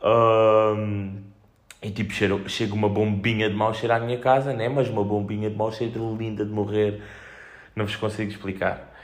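A man's voice: lowish voice, little pitch movement, normal speed. A young man with a European Portuguese accent, chatting casually on his own in a slangy, sweary, joking way, telling rambling anecdotes as a podcast host.

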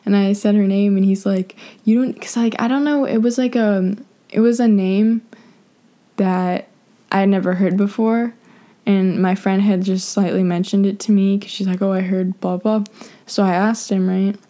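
A woman's voice: mid-range voice, fairly even intonation, normal speed, mellow. A young woman hosting an advice podcast, talking frankly and rambling with lots of fillers and swearing. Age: young adult. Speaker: podcast host. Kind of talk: casual advice monologue.

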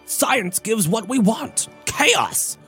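A man voicing an excitable, wondering park guest in a comedic script reading. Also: sits high, extremely slow, faint music behind, pitched above the performer's own voice, full character voice. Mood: amazed, breathless.

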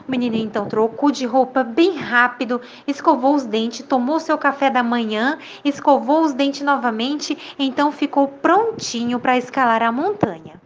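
A woman telling a children's story in a slow, expressive way, laughing along. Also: high voice, slight background noise. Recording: dull lo-fi with faint ambience.

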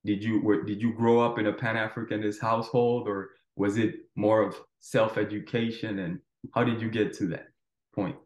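A man's voice: fairly low pitch, little pitch movement, normal speed. A man hosting a podcast interview in an informal, affirming, conversational way. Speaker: podcast host. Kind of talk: casual interview chat. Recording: echoey, roomy sound.

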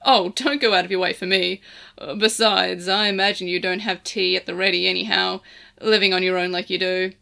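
A woman voicing a deep-voiced man in his thirties or forties who is polite, chatty and nosy. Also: steady tone, fairly quick, vocal fry, pushed and bright.

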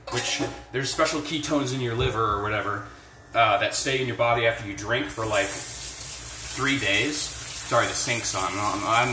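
A man's voice: mid-range voice, bright, forceful tone, far from the mic, a little hiss or hum. A man hosting a podcast on his phone while doing chores at home, ranting bluntly and profanely with lots of fillers, his voice echoing around the room. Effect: echoey room sound. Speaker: podcast host. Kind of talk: casual rambling rant. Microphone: phone without headset. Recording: echoey room, phone held away.

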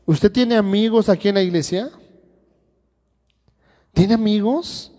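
A male church teacher delivers a sermon to a congregation, throwing rhetorical questions at them one after another. His voice sits high, with a slow pace and warm tone, and the long reverb of a church hall surrounds him.

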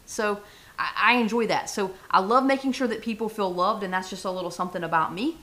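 Speaking fairly quickly in a medium-pitched, slightly bright voice, a podcast host delivers a solo motivational episode. She talks straight to her audience about leadership and life in a chatty, upbeat way.

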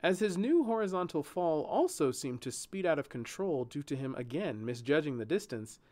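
A male storyteller reading a fantasy audiobook, his voice a little higher than most men's. He reads expressively, with a lively, animated pitch that climbs and dips through each sentence. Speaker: storyteller and channel host.

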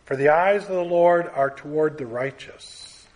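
A man's voice: a little high, unhurried, darkish tone. Earnest man teaching a sermon. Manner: earnest, emphatic, with lists and rising stresses. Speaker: preacher.

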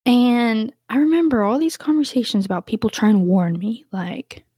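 A young adult woman hosting a podcast, telling a personal story in a casual, chatty way with lots of "like" fillers and lively jumps in pitch when she quotes others. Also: moderate pace, slightly rough, dry recording, studio quality. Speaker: podcast host.

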